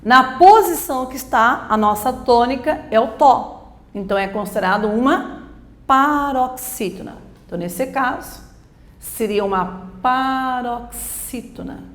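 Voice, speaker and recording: A woman's voice: fairly high pitch, roomy sound. A woman teacher, teaching a grammar lesson for exam prep, explaining step by step and asking and answering her own questions.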